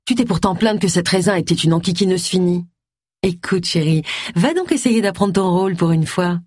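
A woman voicing a rude, sulky young male actor, curt and grumpy, with a husky voice. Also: fairly low pitch, moderate pace, a little mellow, dry recording, studio quality.

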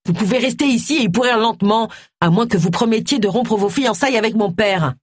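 A reader voicing a sneering young villain. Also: male voice, high-pitched, lively intonation, normal speed, no echo, clean studio sound. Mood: menacing. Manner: taunting, shouting threats. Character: young hostile farmer's son, menacing schemer.

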